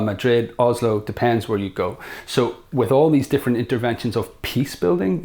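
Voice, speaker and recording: A middle-aged man with a Northern Irish accent, a guest academic talking in an interview, thoughtful and reflective, often pausing and restating his points. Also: on the low side. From Northern Ireland. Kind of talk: conversational interview.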